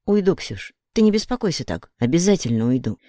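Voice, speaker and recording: A bitter young man who speaks in cold, cutting mockery, as a man reads him in an audiobook. The voice is dark and mellow, recorded close and dry. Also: a little high, big pitch swings, a little fast, no room sound, pitched above the performer's own voice. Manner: sneering, cruel mockery. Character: bitter, contemptuous young man betrayed by his lover.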